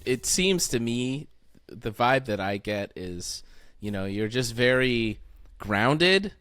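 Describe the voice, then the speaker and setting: A man's voice: mid-range voice, very animated, slow pace, fairly bright tone, clean tone, dry recording, clean studio sound. A man hosting an interview, asking encouraging questions in a casual, friendly way. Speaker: interview host.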